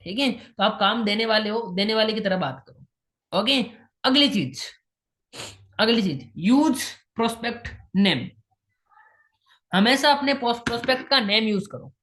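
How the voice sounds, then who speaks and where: A woman gives a coaching talk on making invitations, with a slightly high voice. She repeats her main points and slips English phrases into her talk, in the steady tone of a trainer. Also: a little slow, long pauses, reverberant. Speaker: sales trainer. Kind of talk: instructional talk on invitation skills.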